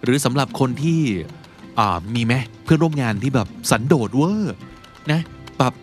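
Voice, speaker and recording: A man hosting a podcast, teaching English words in a chatty, casual way and reading example sentences slowly. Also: mid-range voice, faint music behind. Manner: chatty, explains with slow read-out example sentences. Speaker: podcast host. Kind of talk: casual English vocabulary lesson.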